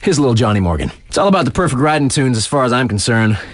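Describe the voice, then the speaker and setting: In a dry studio with no echo and studio-quality sound, an actor plays a laid-back, cocky young radio DJ in a snowboarding video game. His mid-range voice is very animated and rapid-fire as he introduces songs in breezy slang with wry asides.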